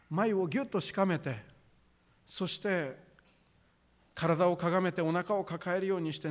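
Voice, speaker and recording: 牧師の男性が、丁寧な文末で、ゆっくりと厳かに説教している。. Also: male voice, high voice. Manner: solemn, deliberate preaching with formal sentence endings. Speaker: pastor. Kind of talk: sermon.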